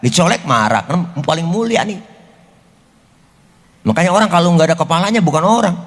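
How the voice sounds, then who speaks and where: Betawi preacher guy cracking jokes, slangy, kinda high voice, echoey hall. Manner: jokey, playful street slang. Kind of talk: comic sermon. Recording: long hall reverb.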